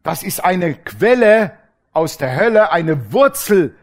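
A middle-aged male preacher giving a casual sermon, animated and colloquial, acting out the voices of people in his stories. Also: high voice, slow pace. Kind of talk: sermon with anecdotes.

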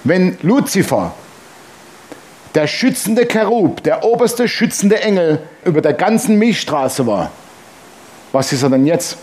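Man, pastor, high voice, sermon, emphatic, rhetorical questions, joking asides. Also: very animated, measured pace, a little mellow, a little hiss or hum. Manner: jokes and asides while reading scripture aloud.

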